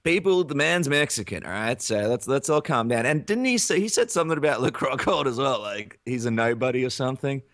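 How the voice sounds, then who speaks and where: A man's voice: mid-range voice, animated, fairly quick, hardly any pauses, a bit bright, no echo, studio quality. A man co-hosting a casual podcast chat, playful and teasing. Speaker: podcast co-host.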